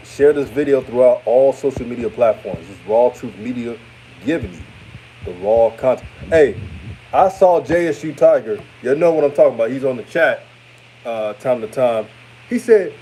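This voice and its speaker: A Houston, Texas sports show host, thirty but with an older-sounding radio voice, talks through a casual postgame livestream, reading comments and answering viewers he calls family. His medium-pitched voice is mellow and lively at normal speed. The low-quality recording has some hiss or hum.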